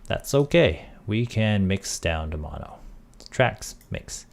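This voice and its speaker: A man streaming casually, thinking aloud as he works on audio software and trailing off into quiet mutters. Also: fairly low pitch, big pitch swings, slow pace, gravelly. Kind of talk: casual tech livestream.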